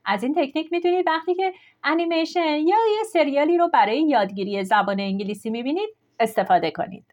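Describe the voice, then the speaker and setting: A woman reading a scripted language lesson, explaining with clear, steady delivery. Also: high voice, dull audio. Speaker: language teacher.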